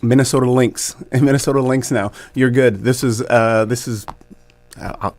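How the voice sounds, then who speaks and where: A man in his forties, a basketball coach, speaking as a guest in a radio interview, thoughtful and grateful, laughing easily and pausing with many fillers. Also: medium pitch, steady tone, darkish tone, dry recording. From Canada.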